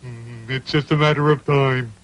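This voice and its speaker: A man voicing an ominous rabbit who has come to take a dying puppet away, speaking slowly and menacingly. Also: mid-range voice, fairly even intonation, soft background music, natural voice, low-quality recording. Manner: slow, menacing.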